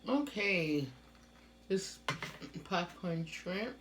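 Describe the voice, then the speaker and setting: A woman hosting a mukbang eating show, murmuring and humming slowly between bites in casual commentary. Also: lowish voice, lively intonation, slight background noise.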